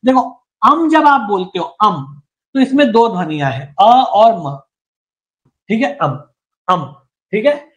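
The recording is muffled, capturing a man with a high, slightly bright, sing-song voice at normal speed. He teaches Hindi grammar in an exam-prep lecture, answering questions he asks himself, repeating each point and sounding out syllables for students to imitate.

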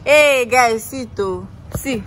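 A woman's voice: fairly high pitch, takes it slowly, fairly bright tone, a little hiss or hum. Chatty young Nigerian woman vlogging outdoors. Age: young adult. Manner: chatty, laughing, switching into pidgin. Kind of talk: casual vlog walkthrough. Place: outdoors in a rural neighborhood. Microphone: phone held at arm's length.

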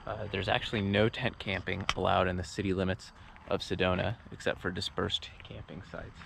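Gravelly low-voiced man rambling outdoors. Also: fairly quick, background noise. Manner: relaxed, rambling, many "uh"s and restarts. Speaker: vlogger and trip host. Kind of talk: casual travel vlog narration. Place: outdoors at a desert campsite. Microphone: action camera mic.

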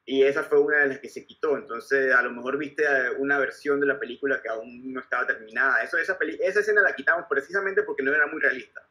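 A man interviewing, a filmmaker asking calm questions in a measured, slightly hesitant way. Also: medium pitch.

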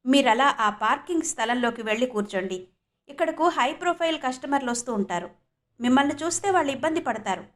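Lady reading as a mocking security guard, scornful, a bit high. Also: lively intonation, fairly quick.

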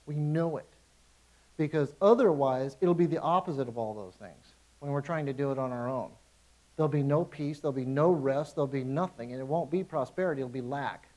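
A man's voice: mid-range voice, a little fast, dark tone, poor audio. A man, a pastor, preaching a conversational sermon in a church, emphatic and informal, repeating his phrases.

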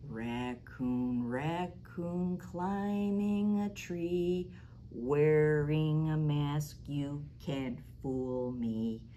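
In a small library room indoors, a middle-aged storytime host wearing a lapel mic reads a picture book to children, lively and sing-song, occasionally sinking into a stage whisper. She speaks in a low voice with drawn-out words, and there's slight background noise.

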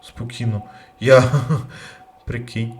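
A man commentating his own gameplay, bursting into loud curses and then dropping to quiet muttering. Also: mid-range voice, level tone. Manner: loud outbursts and heavy swearing; jumpy, rapid switches between yelling and muttering. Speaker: let's play gamer.

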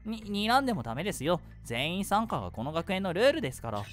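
An overly polite, chirpy sheep mascot, read aloud by a man, sweetly announcing deadly rules. The voice sits fairly high and moves a lot in pitch, with faint music behind. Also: big pitch swings, fast, a bit bright. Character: polite cheerful sheep mascot of a death game.

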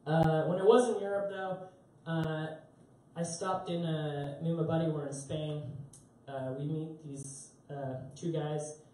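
With a slightly high, steady, warm voice and an unhurried pace, a young man tells rambling, self-mocking stories on a small club stage, laughing at his own jokes. It's a distant live capture with roomy echo, the handheld mic caught by a camera far away.

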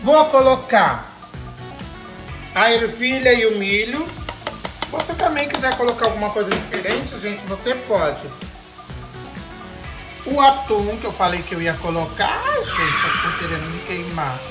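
In her home kitchen, a middle-aged woman with a Brazilian Portuguese accent hosts a casual cooking demonstration, flamboyant and campy, full of slang and playful exclamations. Her medium-pitched voice is a little slow, with frequent pauses. The kitchen echoes and music plays behind her.

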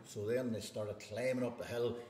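A man's voice: mid-range voice, fairly even intonation, moderate pace, dark tone, a little hiss or hum. A middle-aged Irish man tells a folk story as a traditional storyteller. His delivery is lilting, with phrases said over again. The room is very echoey, with a long reverberant tail around the voice. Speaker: storyteller (seanchaí). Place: indoor theatre stage, seated.

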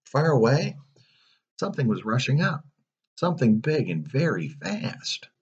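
A man reading a children's story aloud, animated, with playful asides. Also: medium pitch, a little slow, breathy edge, lo-fi sound.

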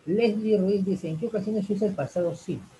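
Rambling male teacher, mellow voice. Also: high-pitched, a little fast, slight background noise, low-quality recording. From Peru. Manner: rambling, full of fillers like "en este caso" and "chicos". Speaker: English teacher. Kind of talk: online class Q&A, explaining in Spanish.

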